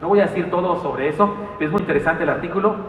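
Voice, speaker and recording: A man preaching a sermon in a church, animated and telling stories with humor and asides. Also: fairly high pitch, fast, far from the mic, slight background noise. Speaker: pastor. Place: church sanctuary. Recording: echoey hall, mic from afar.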